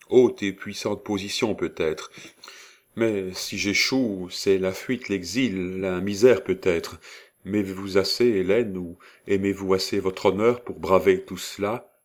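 A man voicing an earnest, resolute young nobleman in an audiobook, speaking in a measured, solemn way. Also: deep voice.

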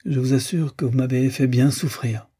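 A man reading a lovesick young gentleman. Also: mid-range voice, moderate pace, slightly rough, voice pushed up. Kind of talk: audiobook character reading.

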